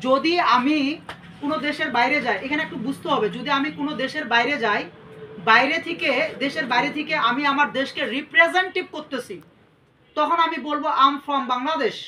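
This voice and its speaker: A woman teaching English to a class, drilling phrases slowly, correcting pronunciation and quizzing her students. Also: high voice, pushed and bright, recorded from a distance, slight background noise, low-quality recording. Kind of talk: classroom lesson.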